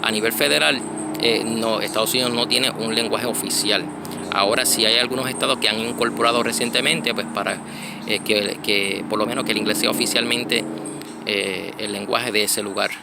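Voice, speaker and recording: A man gives a loose church reflection outdoors, stopping and restarting often, with many fillers. His voice sits low and has a gravelly edge. Insects and passing traffic are heard clearly behind him. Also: fairly even intonation, normal speed. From United States (Connecticut). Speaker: church brother giving a reflection. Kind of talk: casual spoken reflection.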